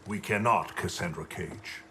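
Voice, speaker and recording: Low, solemn guardian god. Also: male voice, unhurried, sharp tone, slight background noise. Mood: grave, troubled. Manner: formal, stately. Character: grave, solemn guardian god, wise and burdened. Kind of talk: dramatic video game acting.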